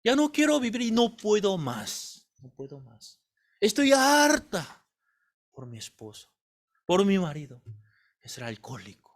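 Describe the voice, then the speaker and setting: A man voicing a distressed middle-aged woman who pleads with her pastor in a tearful, high-pitched voice. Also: wildly swooping pitch, unhurried, exaggerated voice. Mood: pleading.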